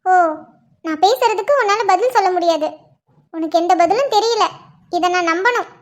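A woman does cartoon voice acting as a young girlfriend who teases and nags, turning every reply into a complaint. Her voice is very high, at a normal speed.

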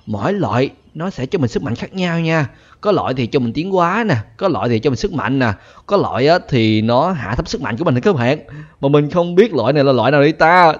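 A man's voice: fairly high pitch, expressive, fairly quick, muffled recording. A man giving chatty gameplay commentary, constantly addressing his viewers. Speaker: gaming YouTuber.

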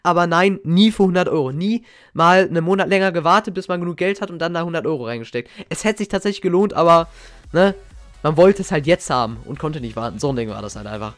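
A man's voice: a little high, fast talker, no room sound. Slangy young man reacting to old clips. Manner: slangy, excitable, reminiscing. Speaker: gaming YouTuber. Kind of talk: casual reaction commentary. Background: faint game music.

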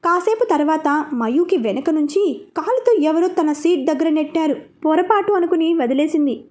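A woman narrating a story with steady, expressive reading. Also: high voice.

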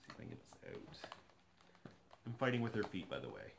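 Man, 30s, lowish voice, casual and upbeat at-home unboxing chat, webcam sound with faint hiss. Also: wildly swooping pitch, brisk, creaky. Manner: chatty, enthusiastic, thinking aloud while handling a doll. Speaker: doll collector vlogger. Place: living room, seated on a sofa.

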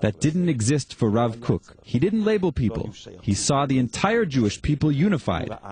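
An older man explains his point in a documentary interview. His pitch swings widely with animation, and he speaks in an explaining way. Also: big pitch swings, normal speed, a crowd in the background.

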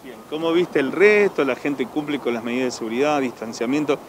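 A young Argentine man reports on location for local TV news, his mid-range voice brisk as he chats with customers through a handheld mic. He asks short, conversational questions out on a town sidewalk and inside a café, with background noise behind him.

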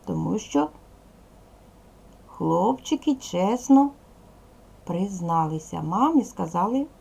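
A woman teaching a primary school class in a recorded video lesson, speaking clearly and patiently straight to the pupils. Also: mid-range voice, expressive, takes it slowly, darkish tone.

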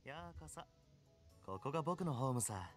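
A man voicing a suave young top-ranked gamer in a Japanese anime game, speaking with smooth, courteous confidence and quiet menace. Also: medium pitch, expressive, music in the background, natural voice. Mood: courteous, easygoing. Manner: smooth, courteous, unhurried phrasing with cool confidence.

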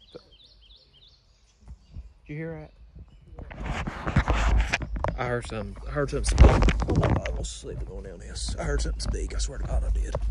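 A man's voice: medium pitch, very noisy. A young man, vlogging casually on a phone he holds at arm's length, rambling and uneasy as he explores outdoors. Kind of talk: casual vlog narration. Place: outdoors in wooded yard by old house, later indoors. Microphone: phone held at arm's length.

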